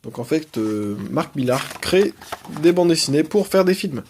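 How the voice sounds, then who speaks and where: A man's voice: a little high, animated, a little slow, a little mellow, a little hiss or hum. A young man casually reviewing his comics collection, enthusiastic, with frequent hesitations and fillers.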